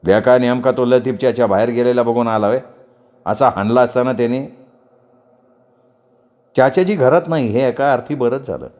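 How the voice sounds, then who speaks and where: A man narrating a village tale in the first person, mid-pitched and expressive. He voices the hero's rough rustic speech alongside the vivid storytelling. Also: normal speed, pauses often.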